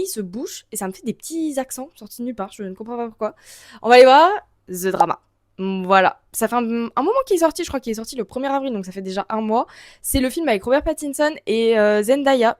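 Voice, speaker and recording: Her fairly high voice carries a relaxed, rambling, slang-heavy chat as this young woman vlogs for her viewers. There's little room echo, so the sound stays dry.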